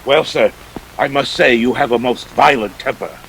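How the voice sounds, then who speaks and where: A man's voice: medium pitch, normal speed, creaky, fairly bright tone, breathy edge, rough recording. A man playing a genteel, verbose crime boss in a 1940s-style radio drama, pompous and courtly with a sly joviality. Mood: amused, sly. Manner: pompous, courtly, chuckling formality. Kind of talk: 1940s radio villain acting.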